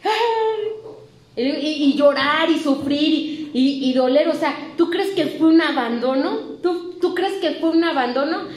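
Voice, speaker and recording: Middle-aged Mexican woman, high voice, blunt and salty, echoey room. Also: normal speed, few pauses, a little mellow. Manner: blunt and profane, emotional storytelling. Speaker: psychologist speaking at a recovery clinic. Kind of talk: candid testimony talk to a recovery group. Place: meeting room at a rehab clinic.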